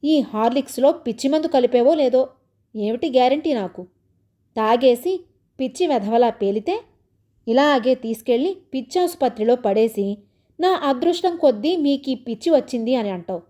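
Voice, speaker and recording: Sulky suspicious young husband in a storybook, sarcastic grumbling; a woman reads the part, mellow voice. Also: high-pitched, expressive, normal speed. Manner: complaining, sarcastic.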